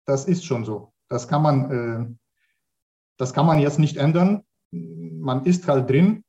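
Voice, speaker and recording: A man's voice: a little high, slow pace, creaky, mellow, highs cut off. A middle-aged native Russian speaker, a man with a Russian accent, speaking spontaneously on a discussion panel and searching for words with repeated starts. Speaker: academic panelist.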